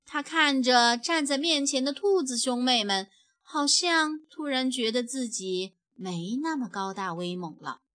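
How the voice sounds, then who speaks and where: Brief: woman storyteller, high bright tone, unhurried read-aloud pacing, expressive and gentle. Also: dry recording, studio quality. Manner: gentle, expressive, drops softly at sentence ends. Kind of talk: picture-book read-aloud.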